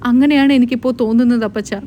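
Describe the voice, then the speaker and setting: A woman voicing a gentle young woman close to tears, her plaintive voice pleading and asking what she did wrong. Her tone is slightly high and fragile. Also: fairly even intonation, rapid-fire, slight background noise, lightly acted. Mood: tearful.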